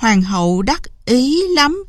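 A woman narrating a fairy tale in an expressive, unhurried storybook reading. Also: high voice, dry recording, studio quality.

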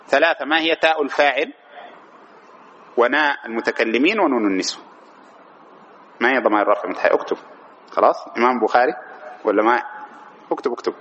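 A man's voice: medium pitch, fairly bright tone. A man teaching an Arabic grammar lesson, quizzing students with rhetorical questions. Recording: dull lo-fi classroom recording with faint noise.

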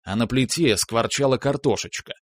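A man reading a first-person story aloud in a measured, wry storytelling manner. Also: mid-range voice, no echo. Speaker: audiobook narrator. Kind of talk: scripted first-person narration.

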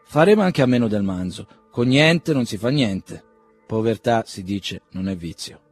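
A man's voice: lowish voice, lively intonation, normal speed, faint music behind. A man voicing a blunt, impatient young man who brushes off his father's apologies. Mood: brusque. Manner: curt, dismissive.

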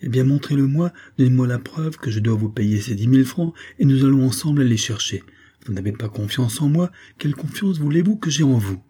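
Guy doing a frantic young woman, higher pitched, urgent and pleading, husky underneath. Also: animated, a little fast, mellow. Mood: indignant. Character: anxious, determined young woman.

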